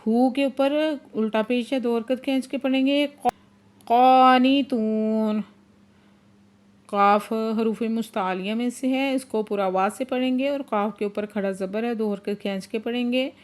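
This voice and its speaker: A woman teaching Quran recitation, chanting verses slowly and drawn out, then explaining the rules briskly. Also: on the high side, steady tone, darkish tone. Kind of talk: tajweed lesson, slow chanted recitation then quick explanation.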